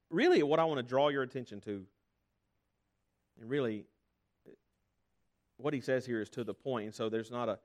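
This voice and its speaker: Earnest man preaching, mid-pitched voice. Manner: earnest conversational preaching with frequent restarts. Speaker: pastor. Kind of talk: sermon.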